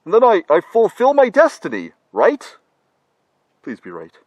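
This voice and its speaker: A slow-witted young masked slasher mopes and wonders in a low, mumbling drawl, as a man acts him out. The voice is husky and unhurried, recorded close and dry for a comedy parody sketch. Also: wildly swooping pitch, dry recording, highs cut off, full character voice. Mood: hopeful.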